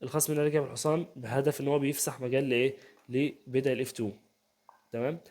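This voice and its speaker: Recorded at home for his first video, a young Egyptian-accented chess YouTuber breaks down a game in a mid-range, steady, darkish voice. He talks fast and casually, imitates the players' banter and keeps checking in with "تمام؟".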